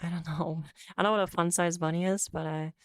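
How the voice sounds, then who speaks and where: The voice belongs to a young woman, a native Polish speaker streaming as a VTuber, pitched fairly low with a steady tone and a slightly fast pace, studio quality and echo-free. She speaks English with a blended American-British accent. Reading chat aloud and chatting casually, she rambles, restarts, self-corrects, uses many fillers and laughs easily.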